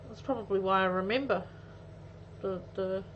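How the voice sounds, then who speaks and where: At a moderate pace and medium pitch, a woman in her forties chats casually with the viewers of her craft livestream. She thinks aloud as the live demonstration goes on. The sound is muffled, and faint background noise can be heard.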